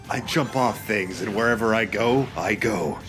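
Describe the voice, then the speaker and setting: A let's play commentator with a lowish voice talks slowly, offering casual game commentary with a wry, mock-dramatic humour. Loud video game music plays behind his voice.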